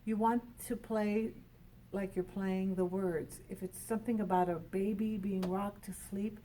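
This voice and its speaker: A woman giving a piano lesson, explaining each point plainly and slowing down to show it. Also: medium pitch, steady tone, dark tone, a little hiss or hum. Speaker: piano teacher. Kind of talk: instructional talk. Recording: voice from some distance from the mic.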